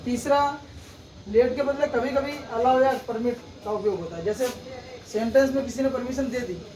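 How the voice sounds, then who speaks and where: A man's voice: extremely high pitch, normal speed, crowd noise. A man teaching a grammar lesson step by step, checking in with "theek hai" after almost every point. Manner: explains step by step, repeats "theek hai" often. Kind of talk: classroom-style grammar lesson. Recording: echoey room, distant mic, background noise.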